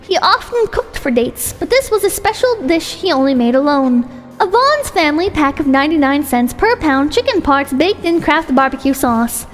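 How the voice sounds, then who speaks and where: A woman's voice: high voice, sing-song, moderate pace. A woman reading a short story aloud as its narrator. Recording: long hall reverb with music.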